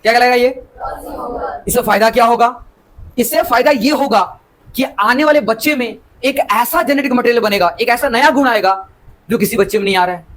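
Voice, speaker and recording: A man's voice: very high voice, fairly quick, a bit bright, slight background noise, low-quality recording. A man teaching biology in with English terms, lecturing a class and keeping students engaged by asking them rhetorical questions. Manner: explains with homely examples.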